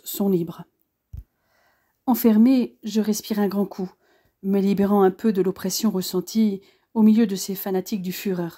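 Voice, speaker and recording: Warm-voiced woman narrating an audiobook. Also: medium pitch. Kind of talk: first-person audiobook narration.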